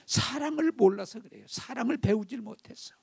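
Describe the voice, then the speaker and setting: Gravelly-voiced preacher telling a story. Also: male voice, very high-pitched, lively intonation, fairly quick, a little mellow, no room sound. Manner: emotive storytelling, addressing the congregation directly. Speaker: pastor. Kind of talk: sermon.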